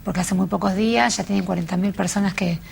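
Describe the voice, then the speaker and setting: A woman with an Argentine Spanish accent at a middle pitch, her voice heavy with creak and gravel. She hosts a studio interview, prompting her guest and backing him up with steady affirmations. Faint ambience is audible. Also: fast, a little hiss or hum. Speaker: TV talk show host. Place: television studio.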